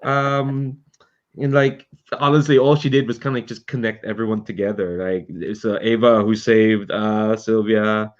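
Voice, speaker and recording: A man's voice: on the low side, steady tone, moderate pace. A man playing in a tabletop role-playing game, rambling and hesitant with many ums, on dull lo-fi online call audio. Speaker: player.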